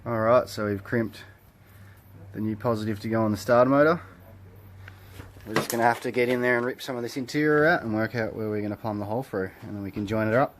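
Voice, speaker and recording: A man's voice: fairly low pitch, fairly even intonation, fast talker, a little hiss or hum. A man giving casual, colloquial narration as host of a hands-on DIY car video. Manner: laid-back, colloquial, plain-spoken.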